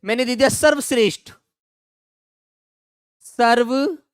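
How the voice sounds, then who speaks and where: A middle-aged male teacher running an online exam-prep grammar class, repeating each example and coaxing students to answer quickly. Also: very high voice, clean tone, no room sound, studio quality.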